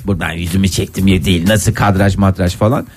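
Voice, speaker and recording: A man's voice: low-pitched, steady tone, fast, darkish tone. Colloquial, rambling man chatting over music. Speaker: talk show host. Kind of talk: casual humorous chat.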